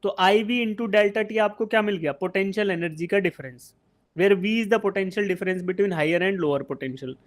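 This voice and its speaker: A fairly high-voiced man from India delivers a live online physics lecture for exam preparation at a slightly slow pace. He takes the concept one step at a time, asks the class questions and answers them himself, calling everyone "beta," and his technical parts come out.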